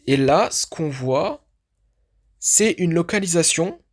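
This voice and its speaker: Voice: mid-range voice, expressive, takes it slowly. An enthusiastic fan vlogger talks through a film teaser on screen. The delivery is loose and chatty, full of restarts and verbal fillers, and recorded at a home desk microphone. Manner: chatty, thinking aloud with many restarts and fillers. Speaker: YouTube channel host. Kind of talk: casual commentary on a film teaser.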